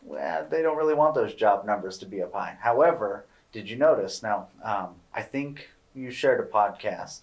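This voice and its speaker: A man co-hosting a podcast, talking in a relaxed, rambling, opinionated way and swearing now and then. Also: on the low side, normal speed, gravelly, hardly any pauses. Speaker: podcast co-host. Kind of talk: casual podcast chat.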